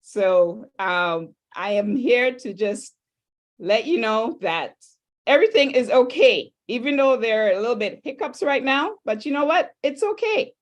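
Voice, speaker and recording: A woman from Trinidad and Tobago, hosting an online panel in a chatty, upbeat way with lively asides. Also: on the high side, unhurried, dull audio. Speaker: host.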